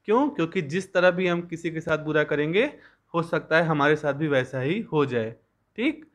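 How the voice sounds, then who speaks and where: A young man teaching a school English lesson, reading lines slowly and then explaining them at length. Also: fairly high pitch, a bit bright.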